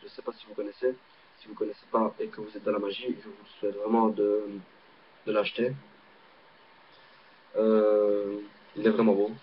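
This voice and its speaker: A man's voice: on the low side, level tone, normal speed, long pauses. A man with a Belgian French accent, casually demonstrating a card trick in a rambling, hesitant way with many fillers, recorded on a laptop webcam mic. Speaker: amateur magician. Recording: dull lo-fi webcam audio, faint hiss.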